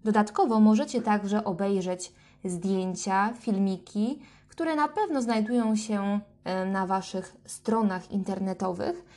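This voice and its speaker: A woman speech therapist talks parents through simple language games in a calm, clear way. She pauses with brief fillers as she explains each step. Her voice sits at a medium pitch. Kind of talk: instructional talk to parents.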